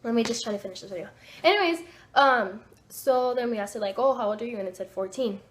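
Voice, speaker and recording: Excitable young woman with a high voice. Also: fast, a little hiss or hum. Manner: rambling and excitable, many fillers and restarts. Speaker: vlogger. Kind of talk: casual storytime vlog. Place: home kitchen.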